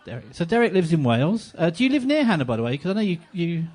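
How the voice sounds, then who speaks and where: A man's voice: on the high side, quick pace. A man hosting a live on-stage interview in a cafe, chatty and joking with his guests. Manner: jokey, chatty and animated. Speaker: interviewer and event host. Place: cafe venue with a live audience.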